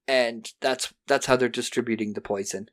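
A man's voice: medium pitch, steady tone, normal speed. A man co-hosting a podcast, casually retelling a film's story and acting out bits of dialogue. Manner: animatedly acts out characters' lines. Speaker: podcast co-host. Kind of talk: casual film recap chat.

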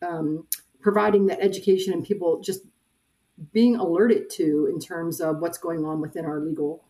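A woman's voice: on the low side, steady tone, normal speed, warm tone, low-quality recording. A middle-aged woman, a church peace minister, speaking earnestly as a podcast guest with frequent fillers. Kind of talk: casual interview talk.

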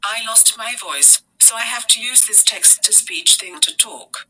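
A woman's voice: fairly high pitch, expressive, unhurried, bright, forceful tone, breathy edge, full character voice, low-quality recording. A woman using a female text-to-speech voice with a British accent, speaking in a stiff, formal way.

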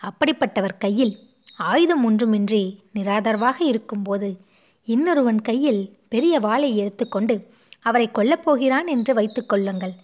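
A woman's voice: fairly high pitch, natural voice. A woman voicing a distraught young noblewoman who pleads and sobs with guilt, in a storybook reading. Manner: pleading, sobbing between words.

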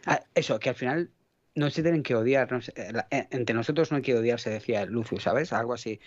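A man's voice: mid-range voice, fairly quick, no room sound, lo-fi sound. A man from Catalonia with a faint Catalan accent, chatting as a podcast guest, rambling, hunting for words and swearing casually. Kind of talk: casual chat.

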